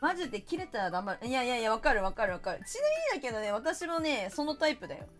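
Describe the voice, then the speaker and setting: A woman streamer chatting casually while gaming and reading viewer comments, in a playful, animated way. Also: fairly high pitch, faint music behind. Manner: animated, playful, quick to laugh and mimic others.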